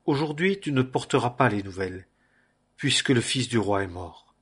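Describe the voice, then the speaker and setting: A man's voice: medium pitch, animated, normal speed, slightly rough. A man reading the firm lines of an army commander during a scripture reading. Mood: stern. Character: stern male army commander.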